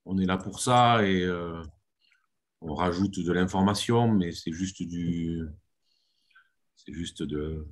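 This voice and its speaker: A man's voice: low voice, takes it slowly, pauses often. A man giving his own view as a panelist in a casual discussion. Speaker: wine merchant on a panel.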